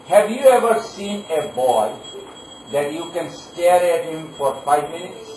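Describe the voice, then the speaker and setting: A man's voice: a little high, animated, unhurried, darkish tone. A man preaching a devotional sermon to a live audience, often quizzing the listeners with questions. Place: large gathering hall. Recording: echoey hall, distant mic, faint noise.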